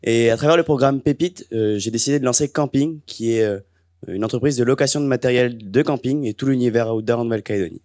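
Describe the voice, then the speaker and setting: A man's voice: medium pitch, quick pace, a little mellow, no room sound, studio quality. A young man introducing his business project briefly, with a few hesitations. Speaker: student entrepreneur. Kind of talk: short self-introduction.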